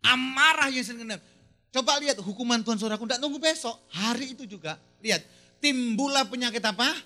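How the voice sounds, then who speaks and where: A middle-aged male pastor with a high, lively, bright voice gives an animated sermon. He teases the congregation, fires questions at them and slips in regional phrases and English words. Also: brisk. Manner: animated, teasing, mixes in Manado dialect phrases and English words.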